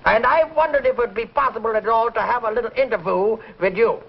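An actor playing a phony professor on the phone, putting on a French accent and fawning haltingly in 1950s sitcom style. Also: male voice, extremely high pitch, vocal fry, a crowd in the background, voice pushed up. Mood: ingratiating. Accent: put-on French. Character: phony bookish professor with a fake French air. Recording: dull 1950s TV audio with studio audience.

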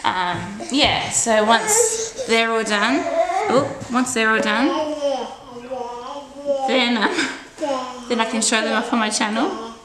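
A young Australian vlogger in her twenties talks casually to camera inside a house, hesitant and stop-start, with a slight stutter. Her fairly high voice is animated but unhurried, the sound is roomy, and a loud crowd can be heard. The home camera audio has clear background noise.

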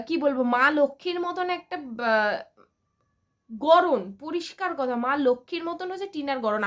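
High-voiced woman ranting blunt vlog commentary. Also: a bit bright. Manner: blunt, scornful ranting with crude insults; chatty, many fillers and check-ins. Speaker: vlogger.

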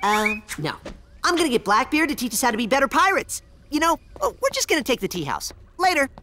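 Brash cartoon kid schemer, woman performer, lively swooping high voice. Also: a little fast, background noise. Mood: cheeky. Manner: brash and lively, fond of pirate talk. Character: cocky spiky-haired boy, reckless schemer. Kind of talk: cartoon voice acting.

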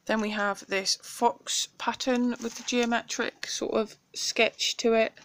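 A woman's voice: fairly high pitch, fairly even intonation, a little slow, fairly bright tone. A young woman from the UK with a British accent, chatting through a craft haul at home, enthusiastic and sprinkled with ums. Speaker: craft vlogger. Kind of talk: casual craft haul show-and-tell.

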